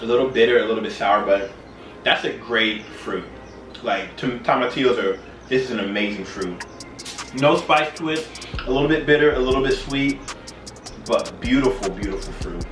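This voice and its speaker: A man talks through a home cooking demo in a tipsy, loose and rambling way. He sits at an ordinary male pitch and chats casually as the host. The room echoes around him, the mic is some way off, and music plays clearly behind. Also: a bit bright. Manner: tipsy, loose and rambling, drinking shots as he cooks. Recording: roomy echo, distant mic, music behind.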